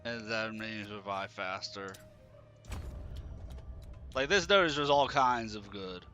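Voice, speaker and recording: A man's voice: lowish voice, slow, pushed and bright, faint music behind. A man doing live gaming commentary as a stream host, thinking aloud. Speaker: livestream gamer host.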